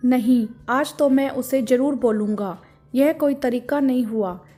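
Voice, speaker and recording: A woman's voice: high-pitched, a little slow, mellow, breathy edge, soft background music. A woman voicing a stern, caring middle-aged husband who scolds with indignation. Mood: indignant.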